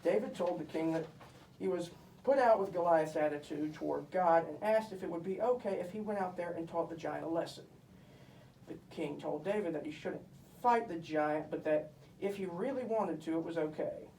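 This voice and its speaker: Creaky yet mellow, the performer's natural medium-pitched voice moves at a moderate pace as he plays a pompous, bossy puppet storyteller. The puppet boasts through comic Bible tales with emphatic, mock-scholarly self-importance. Faint noise and echo come from a distant mic in a reverberant room.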